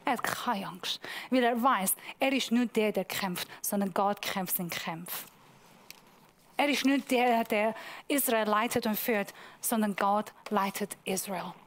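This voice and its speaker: A woman pastor giving a sermon, preaching emphatically and slowing down to stress key points. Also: mid-range voice. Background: music.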